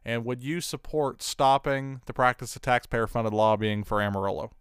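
A man hosting a radio interview, asking long, measured, multi-part questions. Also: mid-range voice, clear, resonant tone, no echo, clean studio sound. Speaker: talk show host.

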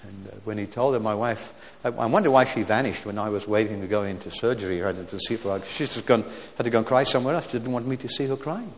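A man in his seventies preaching a sermon, swinging from loud exclamations to quiet asides, with stammered restarts and wry humorous remarks. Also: fairly low pitch, fast talker, hardly any pauses, big-room sound. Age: 70s.

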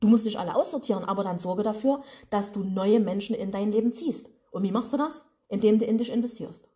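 A woman's voice: mid-range voice, fairly quick, warm tone. A woman with a regional German dialect, a business and mindset coach giving a motivational podcast monologue from her office. She talks in a colloquial, direct way and speaks straight to her listeners.

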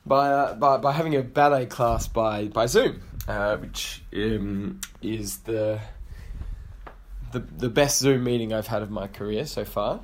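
A man giving a casual recorded update as a guest, halting and full of fillers. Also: lowish voice, a little hiss or hum. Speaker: guest contributor.

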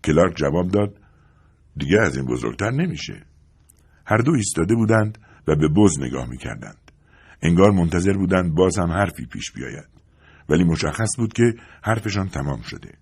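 A man narrating a literary audiobook in a calm, even storytelling manner. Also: deep voice, husky.

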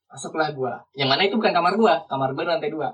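A young man tells a story on a casual home podcast, slightly higher-pitched than most men and husky in tone. He bursts loud now and then, and he sits a little back from the microphone. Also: racing. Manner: animated storyteller, sudden loud outbursts. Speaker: podcast co-host. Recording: distant mic in a room at home.

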